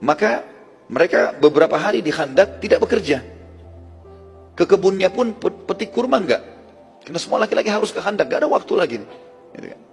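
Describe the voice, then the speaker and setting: A man's voice: high-pitched, expressive, fast, vocal fry, long pauses, big-room sound, faint music behind. A man preaching in a conversational storytelling lecture who stops to explain Arabic words.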